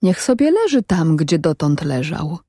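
A woman's voice: deep voice, big pitch swings, measured pace, dark tone, dry recording, studio quality, full character voice. A woman voicing a wary, stubborn peasant man who gives evasive, guarded replies in a storybook reading.

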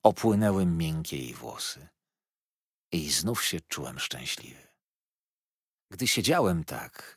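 A man narrates an audiobook in an expressive reading, with a lowish voice that rises and falls widely. The tone is slightly husky, and it is recorded close and dry with no room sound. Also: dry recording.

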